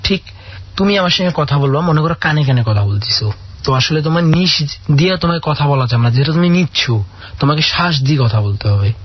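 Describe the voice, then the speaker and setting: A man with a slightly high, husky voice recounts a long personal story on a call-in radio show. He tells it earnestly and acts out the dialogue. The broadcast audio sounds dull and lo-fi. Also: expressive, brisk. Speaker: caller.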